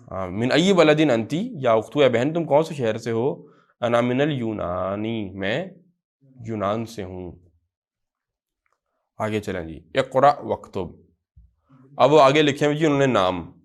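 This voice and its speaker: A man with a Pakistani accent teaching an Arabic grammar lecture. He sounds words out slowly, repeats them, then explains in quick asides and checks that students follow. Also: medium pitch, animated. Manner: repeats phrases and checks understanding.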